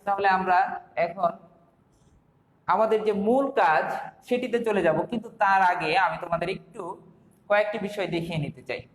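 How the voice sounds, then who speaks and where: High-voiced Bangladeshi teacher in echoey room. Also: male voice, normal speed, pauses often. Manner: explains step by step with rhetorical questions. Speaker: English teacher. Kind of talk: online classroom lesson.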